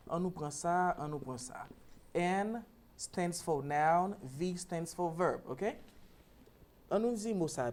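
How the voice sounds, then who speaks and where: Low-voiced Haitian woman teaching pronunciation. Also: mellow. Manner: mixes Haitian Creole, French and English, explains patiently with repeated "ok?". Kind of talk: teaching on a TV talk show.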